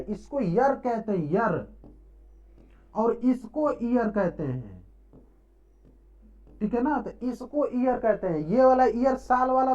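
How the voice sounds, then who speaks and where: In a classroom-style grammar lesson, a man with a soft, mellow voice asks questions and answers them himself, checking in with listeners often. His pitch swings widely, and the recording sounds dull and lo-fi.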